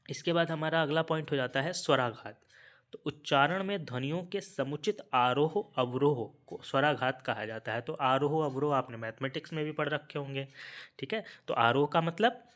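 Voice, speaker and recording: Male tutor for an exam-prep class, mid-pitched voice, patient step-by-step delivery, poses a question and answers it himself. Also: fairly bright tone. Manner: explains step by step with rhetorical questions; sprinkles English terms into Hindi. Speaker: teacher.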